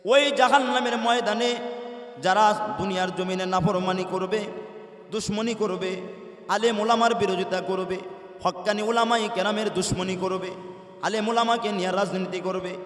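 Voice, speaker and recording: A high-pitched man preaches a sermon in a melodic, chanting delivery, his tone bright and forceful. He is heard from a distance, and his voice rings with a long echo through a large hall. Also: fairly even intonation, moderate pace.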